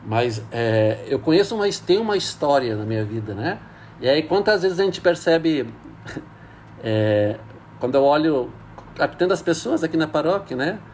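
A man's voice: fairly high pitch, big pitch swings, moderate pace, darkish tone, a little hiss or hum. A man, a priest speaking in a thoughtful, hesitant way with many fillers. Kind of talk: casual reflective talk.

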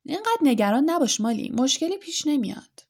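An eager, curious wizard father fires off excited questions in a storybook reading, as a woman reader puts him on. The voice rises well above her usual, with a warm mellow tone. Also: high voice, pitched above the performer's own voice.

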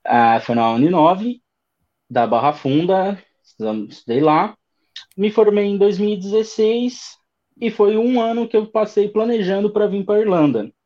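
A man in his thirties with a São Paulo accent, telling his story as an interview guest in a relaxed, rambling way. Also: high voice, a little slow, muffled recording. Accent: São Paulo Brazilian Portuguese. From Brazil. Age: 30s. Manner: relaxed storytelling with many fillers. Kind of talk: casual interview chat.

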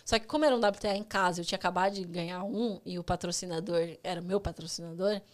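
A woman in her thirties with a Brazilian Portuguese accent, a former tennis player telling stories as a podcast guest, animated and acting out dialogue. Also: lowish voice, fast. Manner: animated, laughs often, acts out dialogue. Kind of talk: casual storytelling chat.

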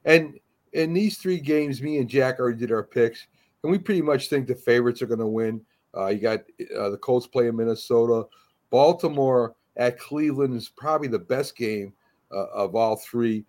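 A man hosts a sports chat, talking in a halting, conversational way and steering the talk. He stops and restarts often, then hands the floor to his co-hosts. His voice is at a medium pitch for a man. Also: a little mellow.

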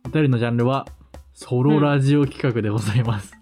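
A man co-hosting a podcast in casual chat, reading listener letters aloud at an unhurried pace. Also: mid-range voice, warm tone, soft background music.

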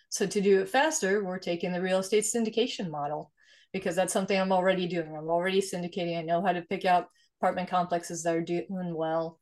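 A woman's voice: on the low side, darkish tone. A woman in her forties from Sweden, a guest explaining her work in an earnest, conversational way and often checking in with "right?". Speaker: guest, investor and nonprofit founder. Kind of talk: conversational interview.

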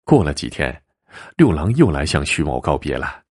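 Husky low-voiced male storyteller. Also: very animated, normal speed. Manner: voices the dialogue with shifting pitch and softness. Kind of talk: storytelling narration of a classic tale.

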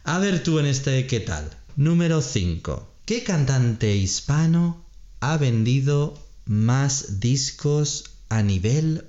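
Brief male quiz host, patient explainer, lively animated pitch. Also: muffled recording. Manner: reads options slowly, explains grammar patiently, laughs often. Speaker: podcast co-host running a quiz. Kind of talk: slow, clear Spanish-lesson quiz chat.

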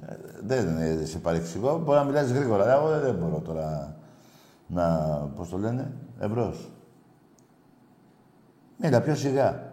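Call-in host, male, teasing storyteller, mellow low voice, echoey room. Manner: mocking, excitable storyteller who teases callers. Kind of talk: casual joking radio chat.

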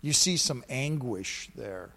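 Animated male preacher telling his story. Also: medium pitch, takes it slowly, gravelly. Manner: animated storytelling, swings from loud emphasis to quiet asides. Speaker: pastor. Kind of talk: sermon.

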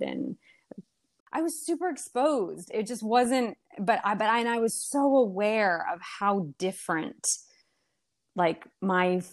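Young woman, low-pitched, casual guest talk, rambling, full of fillers and restarts. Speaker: podcast guest. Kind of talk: casual conversational storytelling.

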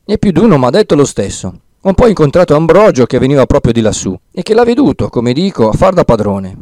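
A man's voice: a little high, sing-song, fairly quick, mellow, no echo, pitched above the performer's own voice. A man doing an eager young villager. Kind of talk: audiobook character reading.

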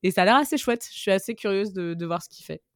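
A woman's voice: mid-range voice, fast talker, dry recording. Woman cohost rambling about books, lots of euh, dry close mic. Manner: animated, many fillers and restarts. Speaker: podcast co-host. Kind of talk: casual chat about books.

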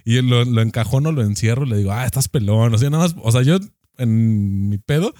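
A young man with a Mexican accent telling a profane, animated anecdote in casual chat. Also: medium pitch, brisk, no room sound, studio quality. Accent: Mexican Spanish.

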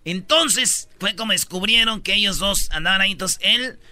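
A man hosting a comedy radio show, telling stories in quick slang and acting out the people he quotes. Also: high-pitched, sharp tone. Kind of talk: comic radio banter.

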